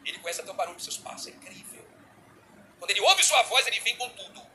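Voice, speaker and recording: High bright-voiced Brazilian preacher. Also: male voice, quick pace, slight background noise, low-quality recording. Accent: Brazilian Portuguese. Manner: animated preaching, acting out little dialogues. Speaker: bishop preaching. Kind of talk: sermon.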